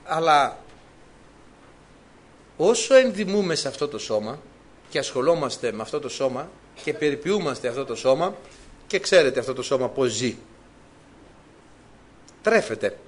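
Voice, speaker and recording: A man from Greece preaching a sermon, telling personal stories with lively, animated delivery. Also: mid-range voice, pauses often. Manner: lively, animated storytelling, laughs at own stories.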